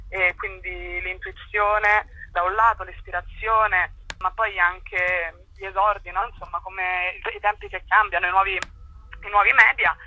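A young woman who speaks for a cultural association is a guest on a radio interview, talking conversationally and searching for words as she explains. Her mid-range voice is bright and forceful, and the recording is rough.

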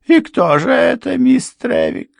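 A man reading an audiobook and voicing a frightened middle-aged woman housekeeper with a high, shrill, tearful voice. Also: huge pitch swings, measured pace, creaky, dry recording, heavily acted. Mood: defensive.

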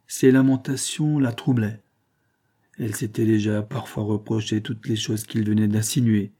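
A man reading a novel aloud as an audiobook narrator, in a measured, literary style. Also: fairly low pitch, mellow, slightly rough. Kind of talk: scripted narration.

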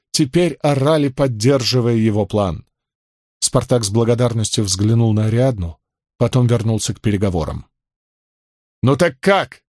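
A man narrating a historical audiobook in a steady, measured way. His voice sits at a middle pitch. The recording is dry and close. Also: no room sound. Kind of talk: scripted narration.

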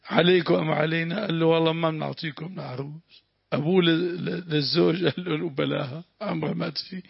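A man's voice: fairly high pitch, no echo. A man with a Damascene accent teaching a lesson on Quran commentary as a sheikh, telling anecdotes and exclaiming pious phrases. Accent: Damascene Arabic. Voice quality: gravelly and raspy. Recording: dull lo-fi dry recording.

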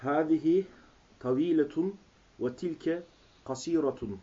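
Guy student reading n translating slowly word by word, husky mellow voice, dull old worn tape sound. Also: a little high. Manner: halting, word-by-word delivery. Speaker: language student. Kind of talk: reading aloud and translating in a lesson. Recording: muffled old cassette tape.

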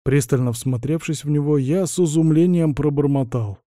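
A man narrating a first-person audiobook in a gruff, blunt, dramatic reading. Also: fairly high pitch, normal speed, warm tone, dry recording, studio quality.

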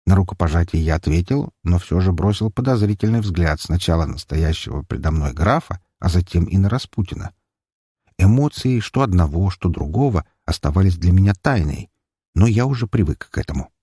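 A man narrating an audiobook in the first person with expressive, lively storytelling. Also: low voice, a little fast, breathy edge, dry recording, clean studio sound.

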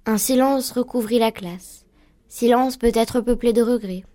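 A woman storyteller narrating a tale in a lively, vivid way. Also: fairly high pitch, measured pace.

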